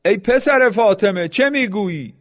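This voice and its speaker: A man's voice: on the high side, lightly acted. A man voicing a harsh enemy commander who barks his orders. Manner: shouting, commanding.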